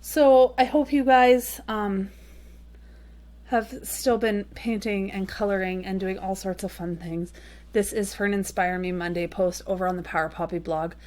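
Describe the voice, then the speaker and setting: A woman's voice: mid-range voice, flat delivery, moderate pace. Chatty woman narrating a painting tutorial. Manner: chatty and rambling, with frequent ums and small laughs; apologetic asides. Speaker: watercolor card-making tutorial host. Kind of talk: casual voice-over painting tutorial.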